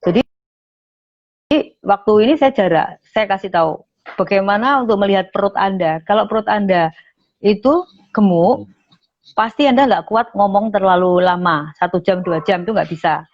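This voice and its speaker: Over muffled online call audio, a radio station manager, a woman with a medium-pitched voice and moderate pace, explains public speaking in an interview. She often says "nah" and acts out sample phrases.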